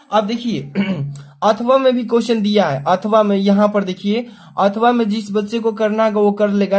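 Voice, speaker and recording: A young adult male teacher walking students through an exam paper, explaining step by step and reading verse aloud slowly. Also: sits high, a little mellow. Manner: explanatory, repeats "ठीक है" and "देखिए", slows down to read verse aloud; clears throat often.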